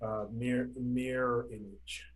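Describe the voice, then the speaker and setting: Male player, mid-pitched, hesitant, thinking aloud through his turn. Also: flat delivery, unhurried. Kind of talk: casual game chat.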